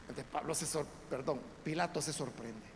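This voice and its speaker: A man pastor, giving a conversational Bible study sermon in a church, often calling listeners brothers and building to loud emphatic peaks. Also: fairly high pitch, normal speed, gravelly. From El Salvador. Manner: conversational preaching, addresses listeners as brothers, frequent tag questions. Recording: reverberant church hall, faint background noise.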